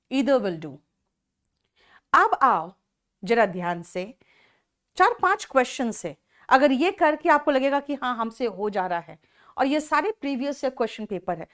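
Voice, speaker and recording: A woman runs an online English class, explaining things slowly in a blend of Hindi and English and praising her students by name. Her voice is fairly high and a little bright.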